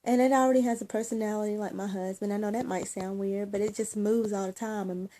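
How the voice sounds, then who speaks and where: Teary woman with a mellow voice. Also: medium pitch, steady tone. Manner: halting, many ums and restarts, emotional. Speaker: vlogger. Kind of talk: casual personal vlog.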